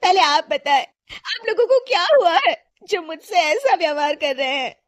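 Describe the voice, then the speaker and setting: Brief: arrogant, scolding young housewife for a storybook, a woman reading all roles, high lively voice, dry. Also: normal speed, no echo. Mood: hurt. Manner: shrill, scolding and sharp-tongued.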